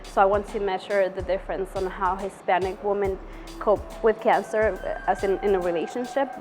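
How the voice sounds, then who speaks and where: A woman's voice: mid-range voice, steady tone, normal speed. Female student, interview, hesitant delivery, music bed. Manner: hesitant, restarts words. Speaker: student researcher. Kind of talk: interview testimony.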